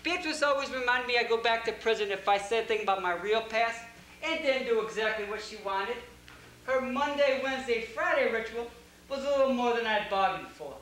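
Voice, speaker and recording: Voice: medium pitch, animated, brisk, a bit bright, a little hiss or hum, close to an everyday voice. An actor playing a phony butler revealed as an ex-con, confessing bitterly in an amateur stage comedy-mystery. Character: fake English butler, secretly a Queens ex-con. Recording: echoey stage from far off.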